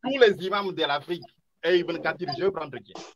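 A man's voice: a little high, fairly quick, a crowd in the background. A man debating, agitated and interrupting, stammering as he pushes back. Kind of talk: heated debate.

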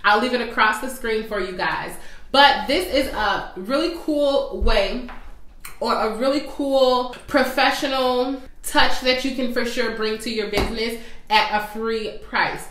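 Young woman, business vlogger, friendly and chatty, slightly high voice, roomy echo. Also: unhurried, fairly bright tone, a little hiss or hum. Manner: chatty, friendly, direct address with fillers. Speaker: small business owner and coach. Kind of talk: casual vlog talk to viewers.

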